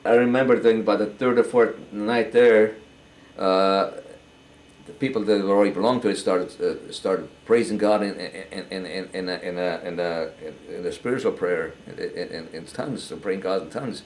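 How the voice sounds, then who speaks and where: An older man giving a halting, earnest personal testimony, often repeating words as he goes. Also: sits low, darkish tone, a little hiss or hum, poor audio. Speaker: interviewee.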